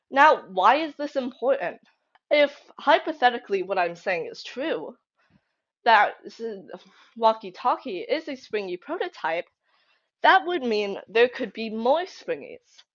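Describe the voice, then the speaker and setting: A sharp-toned, fairly high voice belongs to this young woman making fan theory videos. She thinks aloud in casual, emphatic conversation, and her home recording is lo-fi and slightly muffled.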